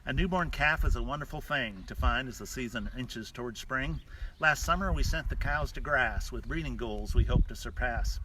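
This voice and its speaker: A man, a rancher, reciting rhymed cowboy poetry in a measured, sing-song delivery. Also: mid-range voice, sharp tone. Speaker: rancher hosting a live stream from a ranch. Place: outdoors on a cattle ranch. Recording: distant mic outdoors, noisy with bawling cattle. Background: cattle mooing.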